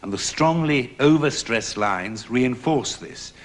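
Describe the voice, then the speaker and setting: A man directing actors and explaining verse rhythm in a measured, precise way, sometimes tapping out beats. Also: mid-range voice, animated. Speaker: director teaching verse speaking.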